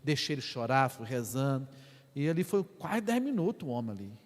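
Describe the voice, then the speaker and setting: A parish priest, preaching as an animated storyteller who swings between hushed and loud. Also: male voice, mid-range voice, fairly quick. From Brazil. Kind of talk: sermon storytelling. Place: church. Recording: echoey church with long reverb.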